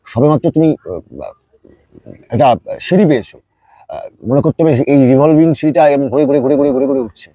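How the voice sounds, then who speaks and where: This is a man with a dark, husky voice of middle pitch. He talks as an interview guest offering advice, patiently, circling back on words to stress them. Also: animated, no echo. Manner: unhurried mentor-like explaining with repetition for emphasis. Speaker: jatra playwright and performer, interview guest. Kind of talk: reflective interview talk, giving advice.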